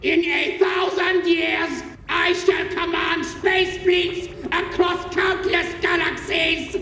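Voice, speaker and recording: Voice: very high-pitched, steady tone, slow pace, pushed and bright, a little hiss or hum, heavily acted. An actor voicing a megalomaniac talking brain in a jar, a bombastic, commanding villain in a cartoon video game. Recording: echoey, long hall reverb.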